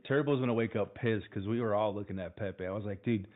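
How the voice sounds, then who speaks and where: A man with a lowish voice on a thin, phone-like voice call. He talks casually and swears freely while calling out the market. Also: moderate pace. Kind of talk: casual trading chat. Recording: tinny online voice call.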